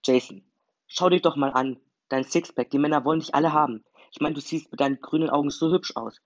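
Guy doing a cheeky young woman teasing her friend, loud and quick, kinda muffled lo-fi sound. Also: a little high, voice pushed up, close to an everyday voice.

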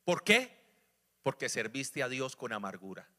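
A man preaching an animated sermon to a congregation, stretching out scripture verses slowly and acting out little scenes. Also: mid-range voice. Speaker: pastor. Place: church sanctuary with congregation. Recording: echoey hall reverb.

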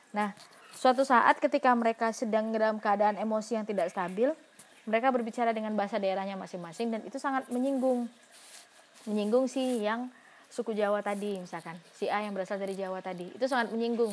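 A woman's voice: fairly high pitch, slight background noise. A woman giving a university lecture in an explanatory way, asking herself questions and answering them, with frequent fillers.

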